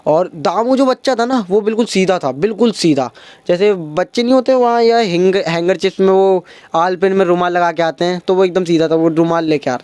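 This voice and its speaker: A man's voice: sits high, brisk, darkish tone, clean tone, no echo. A young man doing stand-up, telling a childhood story and acting out his friends' lines. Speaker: stand-up comedian.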